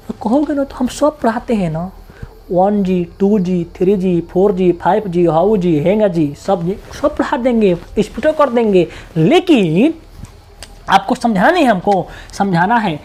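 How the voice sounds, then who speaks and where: A man with a Bihari accent tutoring students for an exam. He talks quickly and colloquially, drilling points by repeating them. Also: sits high, a little mellow. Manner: rapid, repetitive drilling, colloquial. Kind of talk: exam-prep lesson.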